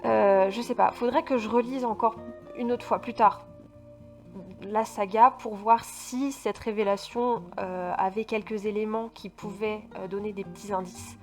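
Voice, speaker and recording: A woman's voice: mid-range voice, a little slow. A woman from France talks through her recent reads in a loose, casual vlog voice. She trips over her words and restarts often, filling gaps with little hesitations, and gets emphatic whenever she describes how a book made her feel. Faint music plays underneath. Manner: stumbling, restarts often, many fillers; expressive, emphatic about feelings. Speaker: book vlogger. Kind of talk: casual book review chat.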